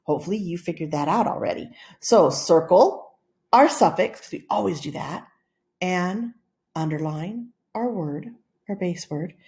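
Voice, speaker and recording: Female teacher, video lesson, slow and deliberate, patient step-by-step delivery. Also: lowish voice, a little mellow. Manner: patient, deliberate, reads words one at a time. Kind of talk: slow, step-by-step classroom instruction.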